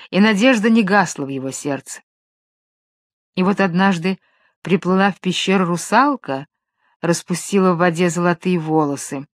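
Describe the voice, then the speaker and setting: Calm woman reading a fairy tale. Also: on the low side, dry recording, clean studio sound. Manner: calm, measured storytelling. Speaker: storyteller. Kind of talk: scripted narration of a fairy tale.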